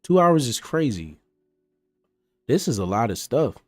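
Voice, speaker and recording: A man's voice: medium pitch, sing-song, unhurried, no room sound, studio quality, faint music behind. A man on a casual live stream, reading pages aloud and chatting with viewers by name.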